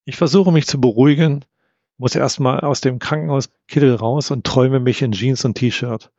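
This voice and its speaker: A man narrating a first-person audiobook in a measured storytelling manner. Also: medium pitch, a little mellow, no room sound. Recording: dull, slightly lo-fi.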